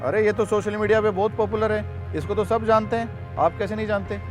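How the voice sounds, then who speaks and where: An actor playing a relaxed, teasing police station officer. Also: male voice, high voice, brisk, over music, close to an everyday voice. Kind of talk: comic web-series acting.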